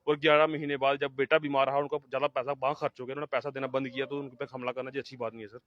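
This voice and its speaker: A man, a relative of the family, giving an emphatic, rapid account in an on-the-spot interview, with frequent restarts. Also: medium pitch, little pitch movement, no room sound. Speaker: eyewitness relative. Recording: dull, lo-fi field audio.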